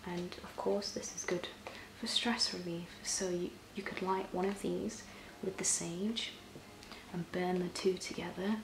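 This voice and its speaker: A woman performs an ASMR role-play as a personal shopper. Her voice is soft, breathy and fairly low, slipping in and out of a soft voice as she gently explains. The room echoes around her, with clear noise behind. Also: steady tone, unhurried. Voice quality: soft-spoken, often breathy and soft-spoken. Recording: roomy echo, clear background noise.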